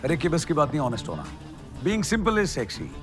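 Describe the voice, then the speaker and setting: A stern army colonel. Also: male voice, a little high, wildly swooping pitch, normal speed, music in the background. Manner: commanding, barks orders, mixes Hindi and English. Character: stern older male army colonel instructor. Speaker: strict army coaching colonel. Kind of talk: web series drama.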